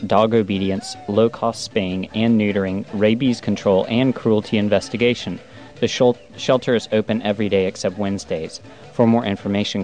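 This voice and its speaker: A man hosting a college radio show in a studio, announcing and chatting with a guest in a relaxed, slightly halting way. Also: lowish voice. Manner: relaxed, conversational, a little halting. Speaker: radio host. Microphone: studio microphone.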